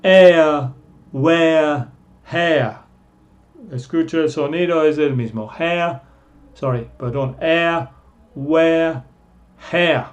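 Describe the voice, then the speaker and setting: Male teacher, slow and patient, repeats sounds, slightly high pitch. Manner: drawn-out, repeats sounds slowly. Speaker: English teacher. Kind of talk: slow pronunciation lesson.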